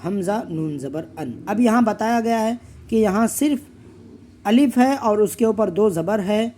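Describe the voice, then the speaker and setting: High-voiced man drilling letter sounds. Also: warm tone, a little hiss or hum. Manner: drills each letter slowly, then explains rules quickly. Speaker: Quran reading teacher. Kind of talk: slow letter-by-letter recitation lesson.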